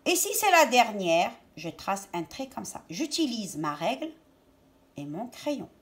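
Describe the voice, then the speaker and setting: A woman teaching a reading lesson to young children, stressing and repeating each word slowly and deliberately. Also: mid-range voice, very animated.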